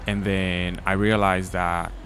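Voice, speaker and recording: Twenties male guest DJ from the Dominican Republic; low, loose, filler-heavy chat on a handheld mic outside, faint music. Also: flat delivery, takes it slowly, a bit bright. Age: 20s. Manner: rambling, lots of likes and ums. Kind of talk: casual interview. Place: outdoors at a city festival.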